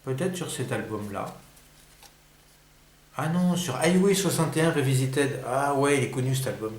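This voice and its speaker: A man's voice: medium pitch, normal speed, reverberant. A man hosting a casual solo music quiz, thinking aloud, muttering and sighing over the answers and then perking up. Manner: mutters and sighs while thinking, then perks up. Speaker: host of a record-collecting channel.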